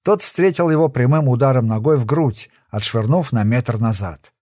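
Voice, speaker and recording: A man narrating a crime thriller audiobook in a dramatic, expressive scripted reading. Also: medium pitch, moderate pace, no echo, clean studio sound.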